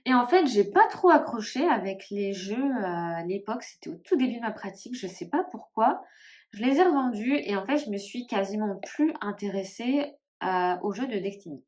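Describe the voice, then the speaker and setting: A woman with a northern French accent chatting casually to camera about tarot decks, often pausing and trailing off as she searches for names. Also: medium pitch, animated, darkish tone. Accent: northern French (Ch'ti). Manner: hesitant, musing, many fillers and trailing off. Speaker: tarot vlogger.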